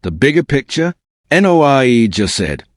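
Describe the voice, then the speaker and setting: A man's voice: mid-range voice, sing-song, moderate pace, no room sound, studio quality. A man hosting a scripted celebrity gossip exposé, using hip-hop slang in a smug, sarcastic, incredulous manner. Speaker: gossip show host.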